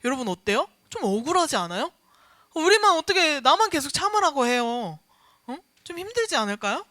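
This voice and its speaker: Animated woman preaching to preteens. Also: high-pitched, brisk, no room sound, studio quality. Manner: animated, asks the children questions, acts out quoted lines. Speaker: children's ministry preacher. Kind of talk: sermon for preteens. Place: church studio.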